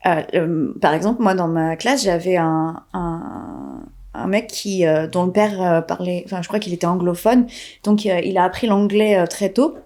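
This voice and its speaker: A woman's voice: lowish voice, animated, normal speed, darkish tone. A woman from France, a podcast guest, explaining at length in casual conversation with frequent hesitations.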